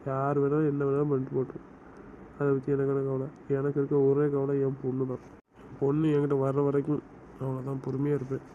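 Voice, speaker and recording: A man's voice: mid-range voice, monotone, quick pace. A man acting a bitter, stubborn character in an amateur web drama. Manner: bitter, stubborn, insists he is done with her. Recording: slightly muffled, faint background hiss.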